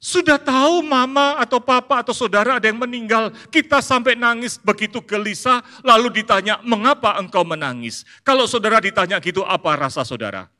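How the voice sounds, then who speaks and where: A man preaching a sermon as pastor, animated and playful, swinging between high emphatic peaks and soft asides. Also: brisk. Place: large church hall. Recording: long hall reverb.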